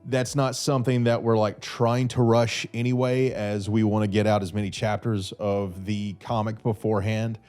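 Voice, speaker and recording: Soft music underlies a fairly low, smooth, slightly mellow male voice that moves little in pitch and flows at normal speed with hardly any pauses. He's a North Carolina man in his thirties, a podcast host in an armchair in a small brick-walled room, fielding listener questions into a red studio mic on a boom arm. A bit stuffy from a cold, he rambles, restarting often and using many fillers.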